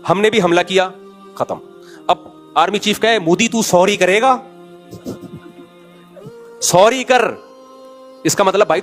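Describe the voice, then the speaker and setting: Middle-aged guy preaching, slightly high voice, lectures folks casually, acts out little voices, soft music behind. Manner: conversational, scolding, acts out quoted voices. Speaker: mufti giving a religious talk. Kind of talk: informal sermon with anecdotes.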